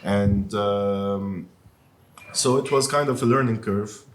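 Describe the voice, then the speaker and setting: A man from Lebanon who owns a pizzeria, talking casually in an interview with many pauses and fillers. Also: lowish voice. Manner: hesitant, many fillers, soft-spoken. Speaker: pizzeria owner. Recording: faint background noise.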